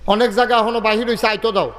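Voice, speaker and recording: A man with a fairly high voice preaches in an over a loudspeaker at a large open-air gathering. He jokes with the crowd, scolds the sound man, and draws key lines out into a slow chant. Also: fairly even intonation. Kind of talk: village sermon with crowd call-and-response. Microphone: handheld mic through PA.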